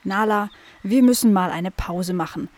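A woman's voice: mid-range voice, moderate pace, darkish tone, dry recording, lightly acted. A woman voicing a kind, caring aunt in a children's story.

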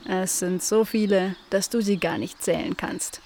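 A woman voicing a sleepy, polite male hedgehog in a children's story, talking slowly and drowsily. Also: steady tone, a little mellow, a little hiss or hum, lightly acted. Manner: slow, drowsy, low-key.

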